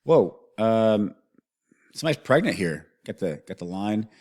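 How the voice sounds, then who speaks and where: A man's voice: on the low side, sing-song, unhurried, darkish tone. A man hosting a music video reaction, thinking aloud in a rambling way and often restarting his sentences.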